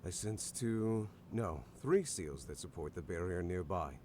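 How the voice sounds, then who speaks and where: Deep, suave, theatrical demon book. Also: male voice, animated, measured pace, a little mellow, slight background noise. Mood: measured, instructive. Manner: formal, theatrical, smug. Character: talking demon book, male, suave, flirtatious, grandiose magical companion. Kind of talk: video game character acting.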